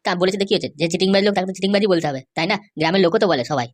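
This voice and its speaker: Woman plays a young cartoon man, fast and rambling, worried. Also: on the low side, natural voice. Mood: grumbling. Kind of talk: cartoon voice acting.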